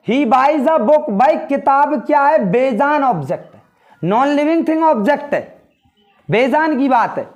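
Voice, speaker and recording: A man teaching English grammar in Hindi, explaining step by step and repeating key words, saying the English sentences slowly. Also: very high voice. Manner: often addresses students as brother. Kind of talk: classroom grammar lesson in Hindi.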